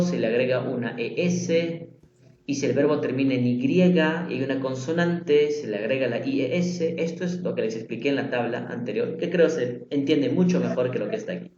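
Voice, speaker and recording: A man's voice: medium pitch, a little fast, a little mellow. A man teaching a live online language class, patiently repeating example phrases and putting questions to his students. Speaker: English teacher. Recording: echoey room, dull lo-fi sound.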